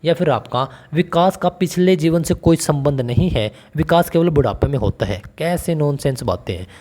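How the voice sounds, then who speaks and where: A man's voice: on the high side, lively intonation, moderate pace, dark tone. A man teaching an online exam-prep lesson in a casual, conversational way, often calling the viewer brother and putting questions to them. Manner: conversational, calls the listener brother and asks questions.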